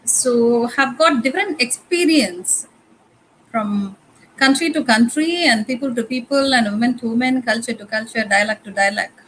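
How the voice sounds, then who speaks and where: A woman with a Tamil-influenced Indian English accent gives a guest lecture in a somewhat high voice. She talks conversationally, with fillers and repeated phrases. Faint background noise sits under her voice. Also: moderate pace, fairly bright tone, low-quality recording. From India, Tamil Nadu. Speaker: guest speaker. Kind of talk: lecture talk.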